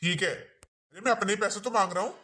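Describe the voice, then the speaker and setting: A woman's voice: mid-range voice, a little fast, fairly bright tone, a little hiss or hum, lightly acted. A woman playing an insistent young man who demands his money back in a family drama skit.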